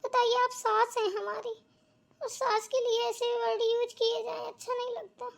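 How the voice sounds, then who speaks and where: A woman doing a sly squeaky daughter-in-law. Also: little pitch movement, normal speed, vocal fry. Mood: fake sympathy. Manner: fake-sweet to her face, gloating asides. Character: scheming young daughter-in-law, sly and gleeful. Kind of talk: cartoon comedy voice acting.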